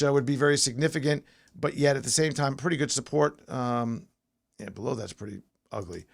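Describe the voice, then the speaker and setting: A man with a fairly high-pitched voice hosts a pre-market stock show, casually talking through charts. He thinks aloud, with fillers and restarts.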